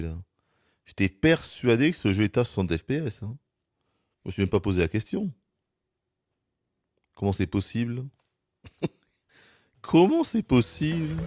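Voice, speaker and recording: A man streaming a game live, ranting in exasperation with swearing and sudden high-pitched outbursts. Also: darkish tone, no room sound. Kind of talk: live gaming stream commentary.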